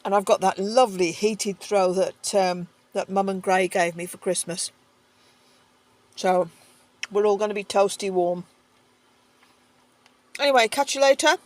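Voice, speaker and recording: A woman's voice: medium pitch, measured pace, long pauses. A woman chatting casually to camera as she cooks in a heated tent, thinking aloud as she goes. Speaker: camping cooking vlogger. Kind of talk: casual cooking chat to camera. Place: inside a heated stove tent.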